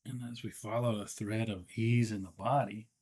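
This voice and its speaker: A man guides listeners through meditation in a fairly low, slightly rough voice that holds a steady tone. He takes his time, speaking softly and often halting partway through a thought before going on.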